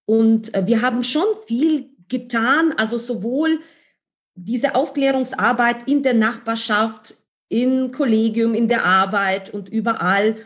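A middle-aged woman from Ukraine, a guest in an interview, speaking in a thoughtful, measured and earnest way. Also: on the high side. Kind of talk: conversational interview.

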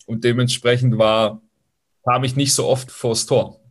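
A man's voice: medium pitch, flat delivery, unhurried. A man in his forties from Swabia with Italian roots, a former professional footballer giving reflective interview answers, thoughtful and hesitant with frequent fillers. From Swabia, Germany, Italian roots.

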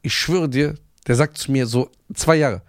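A man's voice: medium pitch, normal speed, dry recording, clean studio sound. A young man co-hosting a casual chat, teasing his friend and swearing that his own story is true.

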